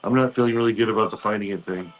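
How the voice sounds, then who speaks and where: A man speaking as a spirit medium, relaying messages in short, halting fragments during a ghost box session. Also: fairly low pitch, poor audio.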